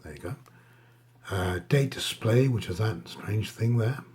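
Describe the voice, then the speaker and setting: A man giving a casual, hesitant watch show-and-tell, his voice husky, thick and strained from a sore, swollen throat. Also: lowish voice, lively intonation, unhurried, a little mellow. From Denmark. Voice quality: husky, raspy. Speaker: watch reviewer.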